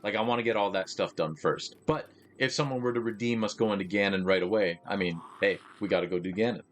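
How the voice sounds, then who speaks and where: A man with a lowish voice talks fast over soft background music, casually chatting while he livestreams a game. He rambles and loses his train of thought, full of fillers and restarts.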